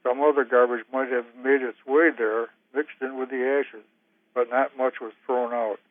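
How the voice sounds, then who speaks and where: A man reading a memoir passage in a flat, even storytelling voice. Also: medium pitch, normal speed, no room sound. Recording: tinny phone-like sound.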